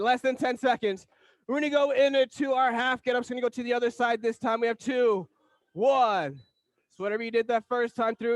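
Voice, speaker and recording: A male aerobics instructor with a very high register leads a workout class, calling out driving, motivational cues and countdowns with lots of energy. The sound is dry, with no room sound at all.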